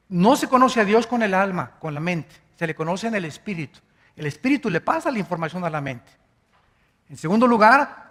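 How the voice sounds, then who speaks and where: A male pastor gives a teaching sermon. He talks with emphasis, spells some words out slowly and puts questions to the congregation. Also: high-pitched. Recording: long hall reverb.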